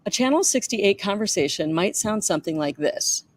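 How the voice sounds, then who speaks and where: A woman's voice: medium pitch, lively intonation, moderate pace. A woman reading a chapter of her own memoir aloud in a conversational way, with small asides and self-corrections.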